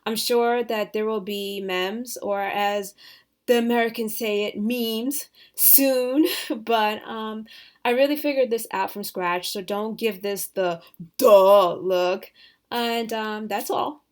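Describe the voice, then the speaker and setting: A woman giving a casual software tutorial, thinking aloud with hesitant fillers and dropping to soft mutters as she works. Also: on the high side, fairly even intonation, unhurried. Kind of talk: screen-recorded tutorial.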